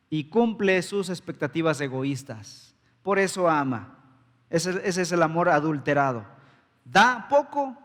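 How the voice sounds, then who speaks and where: In a church sanctuary, a male pastor fires rhetorical questions at his congregation during an emphatic sermon. His voice sits a little high for a man and has a fairly bright tone. A long church-hall reverb carries the sound.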